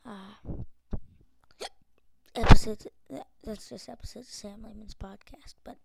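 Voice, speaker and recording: A woman's voice: medium pitch, steady tone, moderate pace, creaky, heavy background noise. A woman hosting a casual solo podcast intro, hesitant and full of fillers, with the hiccups. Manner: hesitant, many fillers and restarts. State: has the hiccups. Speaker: podcast host.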